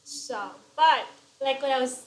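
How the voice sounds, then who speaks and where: A woman's voice: sits high, unhurried. A woman from the Philippines, co-hosting a casual live stream, chatty and hesitant with fillers. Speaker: co-host. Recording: echoey room.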